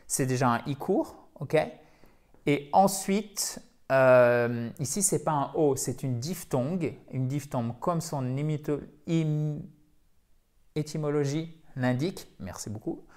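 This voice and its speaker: A man teaching English pronunciation, drilling words slowly and emphatically. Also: medium pitch. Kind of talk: pronunciation lesson.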